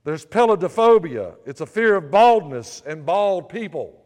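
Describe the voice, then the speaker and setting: A man with a notably high voice preaching a sermon, mixing prayer with light, humorous storytelling. His voice rings out with a long reverb tail, as if filling a large hall. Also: sing-song, a little slow, darkish tone. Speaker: pastor.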